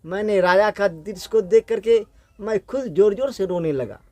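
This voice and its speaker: A man's voice: high voice, normal speed, warm tone, dry recording, lightly acted. A man voicing a devoted, tearful queen who weeps along with her husband, in a spoken folk story. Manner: doting, tearful.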